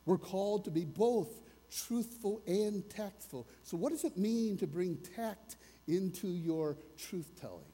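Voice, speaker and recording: A man's voice: high voice, a little slow, dark tone, slightly rough, long reverb tail. A man preaching a sermon as a pastor, earnest and conversational, asking his listeners questions as he goes.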